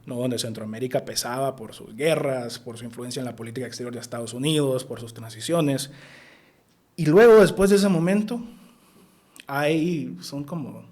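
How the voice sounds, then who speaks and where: A man in his thirties gives interview answers as an academic guest. He speaks at a middle pitch, thinks out loud, and now and then drives a point home with sudden emphasis. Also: normal speed. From El Salvador. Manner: thoughtful, with bursts of emphasis. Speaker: guest political scientist.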